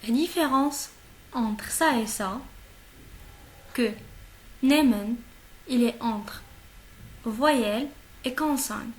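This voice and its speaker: Slow, deliberate woman teaching a lesson. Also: fairly high pitch, a little hiss or hum. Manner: slow and deliberate, repeats each word several times; checks in often with the listener. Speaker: German teacher. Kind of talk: slow classroom-style language lesson.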